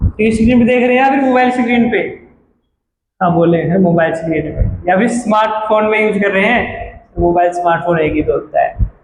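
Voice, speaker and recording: A man with a high voice teaches vocabulary in a classroom style, calling his students "beta." He repeats each word and its meaning several times and keeps asking the class to say it back. The recording sounds echoey, with clear background noise.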